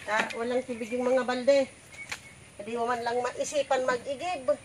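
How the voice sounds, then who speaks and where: A woman's voice: a little high, fairly even intonation, moderate pace, background noise, lightly acted. A woman playing an overworked, exasperated village mother in a drama, kvetching and nagging in long repetitive complaints. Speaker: actor in an amateur short film. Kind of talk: naturalistic family drama acting.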